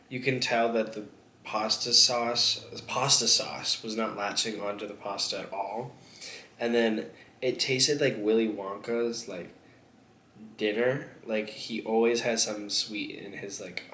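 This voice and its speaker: A man's voice: on the low side, fairly bright tone. Crude, rambling young man vlogging. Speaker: mukbang vlogger. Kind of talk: casual eating chat to camera. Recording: echoey room with faint background noise.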